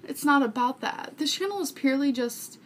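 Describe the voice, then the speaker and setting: A woman's voice: sits high, animated, fairly quick, slight background noise. A woman in her twenties chatting informally and earnestly to viewers, rambling a little as she answers their questions. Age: 20s. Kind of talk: casual chat to viewers. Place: small furnished bedroom indoors. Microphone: webcam or camera mic at arm's length.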